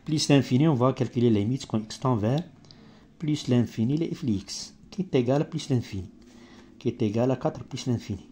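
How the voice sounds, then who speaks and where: A male maths teacher, not a native French speaker, explaining step by step in halting, broken French with grammatical slips and searches for words. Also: mid-range voice, dark tone, a little hiss or hum. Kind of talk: improvised maths lesson.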